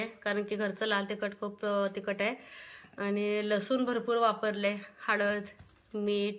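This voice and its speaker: A woman with a rural Maharashtrian Marathi accent narrates her family's home cooking vlog in a mid-range, sharp-toned voice. She's chatty and conversational.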